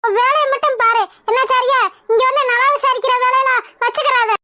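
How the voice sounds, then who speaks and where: A woman voices cartoon comedy characters in a very high, bright voice. Her chatter is quick and scheming. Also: steady tone, a little hiss or hum. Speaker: cartoon voice artist.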